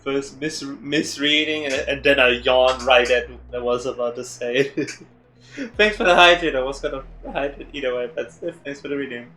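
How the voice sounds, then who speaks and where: Bright-voiced male streamer reading a game. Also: mid-range voice, moderate pace, soft background music. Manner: chatty, laughing at his own slips.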